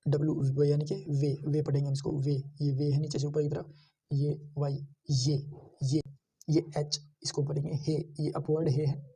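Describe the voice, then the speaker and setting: A man teaching shorthand, slowly repeating each sound and pointing out how every stroke is drawn. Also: fairly high pitch, gravelly, dark tone, breathy edge, distant mic. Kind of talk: screen-share lesson.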